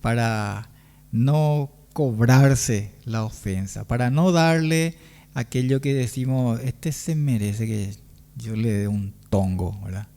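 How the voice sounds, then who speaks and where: Slow, mellow-voiced Paraguayan pastor. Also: male voice, medium pitch. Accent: Paraguayan Spanish. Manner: slow, pausing preaching with rhetorical questions. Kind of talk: sermon.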